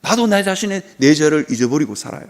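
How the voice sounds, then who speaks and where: A man's voice: a little high, sing-song, quick pace. A male pastor preaching a sermon at a Friday worship service in a church. He tells stories with animation and asks rhetorical questions.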